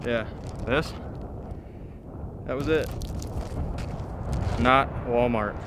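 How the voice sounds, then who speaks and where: A young man in his twenties, talking casually to an action camera as a fishing vlogger, excited and laughing. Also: mid-range voice, very slow, background noise. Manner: excited, laughing, says he is shaking. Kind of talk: casual vlog narration and chat. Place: store aisle and ice fishing shelter.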